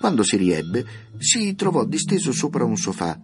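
A man narrating a classic children's tale with expressive, lively storytelling intonation. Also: mid-range voice, moderate pace, soft background music.

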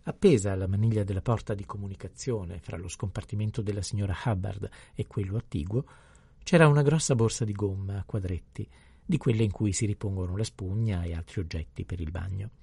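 Gravelly, dark-voiced man narrating. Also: on the low side, fairly quick, dry recording. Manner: calm, even storytelling. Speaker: audiobook narrator. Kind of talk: scripted narration.

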